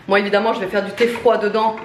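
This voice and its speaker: A tired woman in her thirties chats casually to her camera at home, stopping often on hesitant fillers. Her voice sits at a middle pitch. The room echoes, with a faint hiss underneath. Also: little pitch movement, quick pace. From France. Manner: chatty, lots of hesitant "euh" fillers, says she is tired. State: worn out. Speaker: family vlogger. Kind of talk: casual chat to camera, product presentation.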